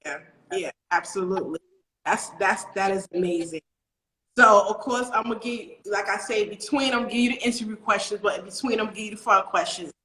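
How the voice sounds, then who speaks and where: A woman in her late thirties hosting a talk show, chatting in an excitable, rambling way. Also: medium pitch, a little fast, reverberant, poor audio. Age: late 30s. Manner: excitable, rambling, laughs often. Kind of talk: casual interview chat.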